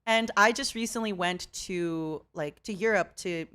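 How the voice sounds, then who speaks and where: A woman's voice: medium pitch, a little slow, smooth. A young woman streamer chatting casually, acting out what people said as she tells a story. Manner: animated storytelling, acting out quotes. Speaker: streamer host. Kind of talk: casual chat.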